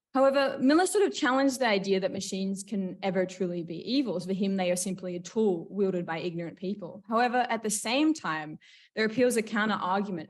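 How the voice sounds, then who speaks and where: A woman giving an academic conference talk in a university function room, loose and casual, full of "like" and "sort of". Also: medium pitch. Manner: casual, frequent fillers like "like" and "sort of". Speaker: conference presenter. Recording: distant mic in a function room.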